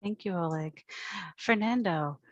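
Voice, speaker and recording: A woman's voice: lowish voice, measured pace, dry recording, lo-fi sound. A woman moderating an online panel. She reads a prepared introduction and then calls on each panelist in turn. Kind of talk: scripted introduction then hosting. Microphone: video call.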